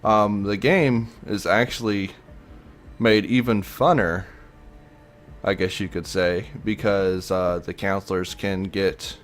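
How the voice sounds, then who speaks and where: A man's voice: on the low side, fairly even intonation, takes it slowly. A man giving a casual commentary vlog about a video game, blunt and ranting, swearing freely, with many fillers and restarts.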